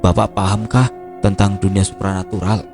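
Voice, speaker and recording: A man's voice: low voice, flat delivery, moderate pace. A man voicing a curious young mother who asks questions directly. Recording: music playing behind.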